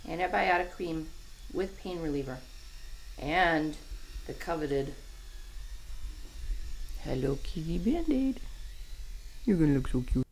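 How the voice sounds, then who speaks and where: Playful woman, low voice, faint hum behind. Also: lively intonation, slow pace, long pauses, poor audio. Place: hotel room.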